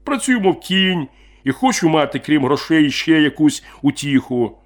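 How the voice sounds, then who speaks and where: A man playing a prickly young miner, gruff, bitter, voice pushed high and loud, lively swings in pitch. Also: unhurried. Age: 30s. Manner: gruff, bitter, heated retorts.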